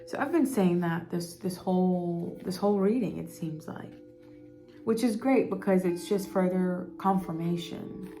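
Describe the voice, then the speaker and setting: A woman with a somewhat low voice gives a casual spiritual card reading. Her tone is mellow and soft, and she meanders, repeating words as she thinks aloud. Faint music plays in the background. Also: measured pace. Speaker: intuitive card reader.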